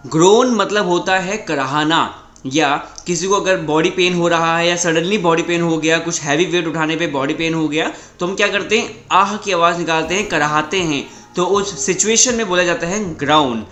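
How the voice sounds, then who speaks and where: A man teaching English vocabulary in a methodical lesson, repeating each word and saying the English examples slowly. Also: on the high side, bright, forceful tone. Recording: roomy echo with faint background music.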